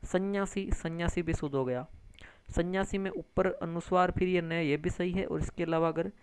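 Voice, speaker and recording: A man's voice: on the high side, fairly even intonation, normal speed, clean tone, dry recording. A male grammar teacher giving an exam-prep lesson, explaining step by step and answering his own questions. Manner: addresses viewers as friends, frequent tag questions.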